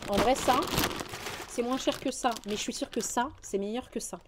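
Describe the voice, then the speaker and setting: A young French woman, chatting casually through a grocery haul vlog, rambling and quick to get indignant. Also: fairly high pitch, very noisy. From France. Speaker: vlogger.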